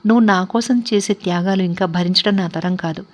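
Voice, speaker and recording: A woman voicing a composed young wife who is unable to walk, speaking in a calm, resigned and earnest way in a read-aloud story. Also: lowish voice, brisk, natural voice. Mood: tender. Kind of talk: audiobook character reading.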